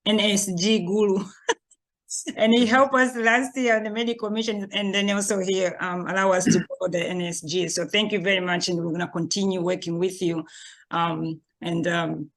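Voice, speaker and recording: A woman's voice: mid-range voice, fairly even intonation, moderate pace. A woman hosting an online meeting, introducing each participant in turn with frequent hesitations. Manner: warm, informal introductions with hesitations. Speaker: meeting host. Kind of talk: video call introductions. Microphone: video call.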